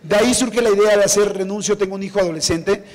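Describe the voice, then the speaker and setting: High-voiced man telling stories in an echoey hall. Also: fast. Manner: animated storyteller who acts out quoted people. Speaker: author presenting his book. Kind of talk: anecdotal talk at a book presentation. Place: event hall before an audience.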